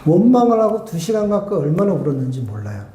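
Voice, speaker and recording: A male guest pastor preaching a sermon and telling a personal story, acting out remembered conversations and moving between loud and hushed speech. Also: sits high, big pitch swings, quick pace, slight background noise. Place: church sanctuary. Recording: echoey church hall.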